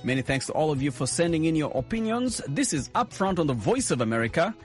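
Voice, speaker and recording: A man's voice: fairly high pitch, fast, loud music behind the voice. Man hosting a radio show. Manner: steady, announcer-like delivery. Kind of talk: scripted radio presenting and interviewing.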